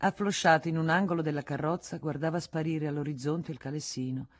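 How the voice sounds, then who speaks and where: A woman reading a classic novel aloud in a measured, expressive way. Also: deep voice. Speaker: audiobook reader. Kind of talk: literary audiobook narration.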